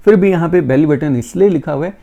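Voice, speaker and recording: Gravelly-voiced man teaching vocabulary. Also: on the high side, dark tone, dull audio. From India. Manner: repeats each word slowly and patiently. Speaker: English teacher. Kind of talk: vocabulary lesson.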